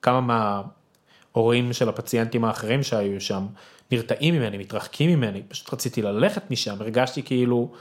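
A young man, a podcast guest, telling a personal story with emotion and acting out his own past shouts. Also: mid-range voice.

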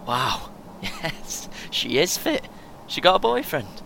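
Here a man takes on a full character voice, slow, pushed and bright, with pitch swooping wildly. His role in the audio play is a laddish, cheeky young British marathon runner of 23 who chats casually. Vehicle ambience rumbles clearly behind him.

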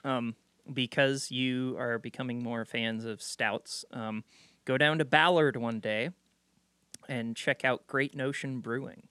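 A man's voice: medium pitch, measured pace, clear, resonant tone, no room sound. A man co-hosting a podcast in casual, teasing chat. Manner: joking, teasing, animated. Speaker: podcast co-host.

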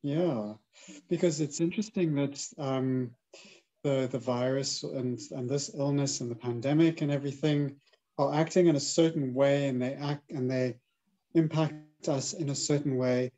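A podcast host with a medium-pitched, steady voice talks at a moderate pace about energy and healing in a spiritual conversation. He earnestly agrees and muses, offering soft affirming backchannels, though the audio quality is poor.

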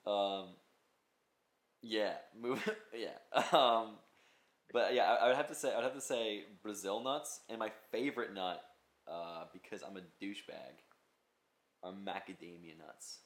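A man's voice: on the low side, unhurried. Rambling young man in a roomy room. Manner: rambling, swears freely, lists things off. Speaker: podcast co-host. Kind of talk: casual chat. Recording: roomy echo.

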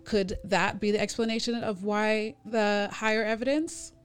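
A woman co-hosting a casual podcast chat, relaxed and talkative, pausing with "um" and "excuse me". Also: mid-range voice, soft background music. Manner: relaxed, chatty, with frequent "um" and "excuse me" pauses. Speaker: podcast co-host.

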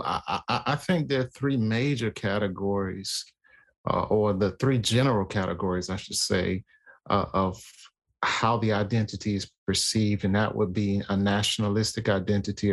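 A man in casual conversation about faith, talking in a halting way with many fillers and restarts. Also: fairly low pitch, steady tone.

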